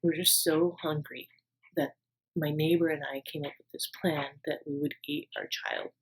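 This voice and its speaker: A woman's voice: sits low, steady tone, normal speed, slightly rough, poor audio. A woman voicing a desperate starving mother who pleads with a king in a rush of words, close to her own voice. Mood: pleading.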